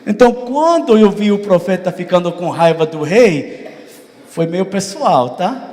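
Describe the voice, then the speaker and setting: Brazilian man preaching in a reverberant church. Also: measured pace. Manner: animated, acts out dialogue with rising pitch. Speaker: pastor. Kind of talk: sermon. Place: church hall. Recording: long church hall reverb.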